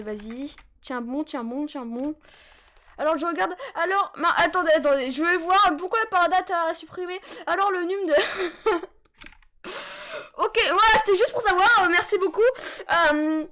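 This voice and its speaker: Very high-pitched playful woman streamer. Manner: playful, joking, excitable with sudden yelps. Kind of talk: casual live-stream chat while gaming. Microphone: headset.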